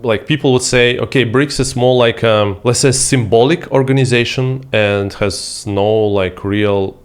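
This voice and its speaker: A man hosting an interview, asking questions haltingly with many "like" and "uh" fillers. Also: medium pitch, steady tone, clear, resonant tone. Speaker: interview host. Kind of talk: casual interview questions and promo.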